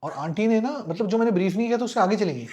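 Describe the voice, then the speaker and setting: High-voiced storytelling ex-pilot man. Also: racing, muffled recording. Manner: lively, acts out quoted voices, mixes English phrases into Hindi. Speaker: guest, former fighter pilot. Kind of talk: animated storytelling in an interview.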